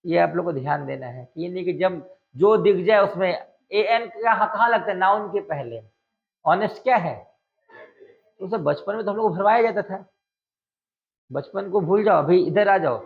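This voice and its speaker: A man's voice: high voice, creaky, narrow, tinny audio. A male English teacher, teaching a classroom grammar lesson and firing constant questions at his students. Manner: drawls out example sentences slowly.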